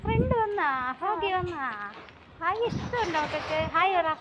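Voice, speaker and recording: A woman vlogging casually with her toddler, coaxing him along with gentle questions. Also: very high voice, moderate pace. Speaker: vlogger mother. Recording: loud background noise.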